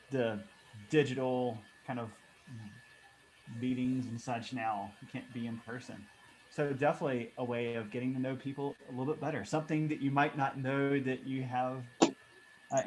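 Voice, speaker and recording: A man leads an online improv workshop over a video call. He talks at a middle pitch in a casual, halting way, restarting sentences and filling pauses as he explains. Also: a little mellow, a little hiss or hum. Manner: halting, with many fillers and restarts. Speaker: workshop facilitator.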